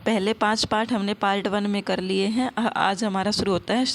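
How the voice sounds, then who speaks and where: A woman teaching an exam-prep lesson, explaining by asking and answering her own questions and reciting verses slowly. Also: mid-range voice, steady tone. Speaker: Sanskrit teacher.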